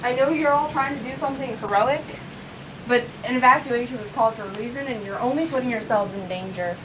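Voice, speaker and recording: A woman's voice: fairly high pitch, fast talker, lightly acted. An actress playing a police officer who argues openly with her lieutenant. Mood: defiant. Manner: pleading, then defiant. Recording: distant mic, noisy with rain.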